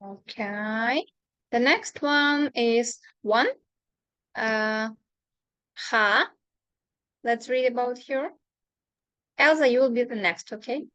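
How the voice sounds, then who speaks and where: A woman teaching an English class online, speaking slowly and hesitantly with many fillers. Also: fairly high pitch, a bit bright, no room sound, dull audio. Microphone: computer mic on video call.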